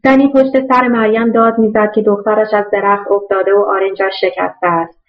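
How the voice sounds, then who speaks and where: A woman narrating a novel in a steady, even storytelling voice. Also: mid-range voice, dull audio. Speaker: audiobook narrator. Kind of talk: scripted narration.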